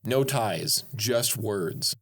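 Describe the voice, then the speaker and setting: Animated man joking on a podcast. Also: fairly low pitch, very slow. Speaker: podcast co-host. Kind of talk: casual chat.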